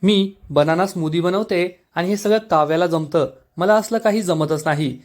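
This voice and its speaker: A gentle young elder sister who patiently explains and reassures, read by a man. The voice sits slightly high and stays level and calm. It is a plain read, not a strongly acted one. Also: moderate pace, lightly acted.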